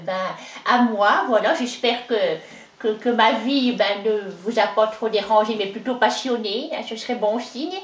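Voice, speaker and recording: Slightly acted and fairly high-pitched, a woman takes on the role of a boastful, gossipy older countrywoman speaking with a Franc-Comtois accent of the Haut-Doubs. She's interviewed in a comic character piece, rambling folksily with frequent "hein" and "oh ben," in a roomy, dull lo-fi recording.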